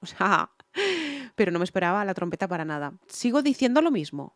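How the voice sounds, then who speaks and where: A woman's voice: on the low side, no room sound, studio quality. Emphatic woman. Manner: repetitive, emphatic, repeats phrases for stress. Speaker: singer reviewing songs. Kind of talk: casual reaction and vocal analysis. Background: faint music from the reacted song.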